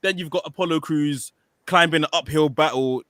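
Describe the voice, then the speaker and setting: British male co-host, bright and animated, dry close mic. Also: fairly high pitch, no echo. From Nigerian heritage, raised in Britain. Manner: animated, fast restarts and repeats. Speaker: podcast co-host. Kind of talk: casual chat.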